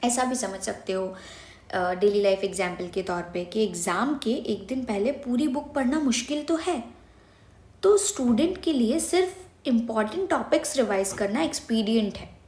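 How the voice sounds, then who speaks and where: A young woman with a fairly high, animated voice and darkish tone teaches vocabulary for exam prep at a normal speed, and the recording is reverberant. She mixes Hindi and English, goes step by step, and poses questions she answers herself.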